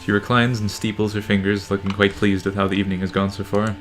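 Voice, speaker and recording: A narrator reading a visual novel game aloud in a deadpan way. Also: low-pitched, fast talker, soft background music. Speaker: narrator in a let's play.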